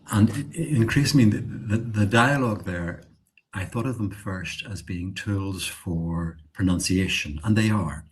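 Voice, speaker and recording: A man with an Irish accent answering casually as a student guest in an interview, thoughtful and halting. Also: lowish voice, slightly rough.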